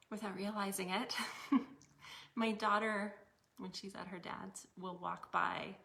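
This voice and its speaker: A woman, possibly in her thirties, hosting a weekly live series from home, a bit out of breath and talking in a relaxed, chatty way with soft laughs. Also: medium pitch, creaky, a little hiss or hum. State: a little out of breath. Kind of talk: casual live-stream talk.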